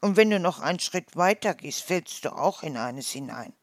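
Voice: mid-range voice, animated, normal speed, dry recording, clean studio sound, lightly acted. Ein Vorleser spricht einen kleinen, neugierigen Igel. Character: small curious hedgehog, naive and friendly.

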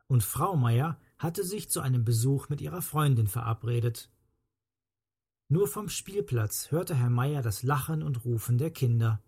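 A storyteller reading a children's story aloud with lively, expressive delivery. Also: mid-range voice, slightly rough. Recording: faint music behind.

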